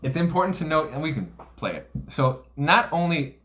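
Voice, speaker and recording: A man's voice: fairly high pitch, big pitch swings, moderate pace, a bit bright. Blunt man in a roomy, echoey space. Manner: blunt, profane. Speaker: police officer breaking down a DUI arrest video. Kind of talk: casual explanatory commentary. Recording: roomy echo, faint background noise.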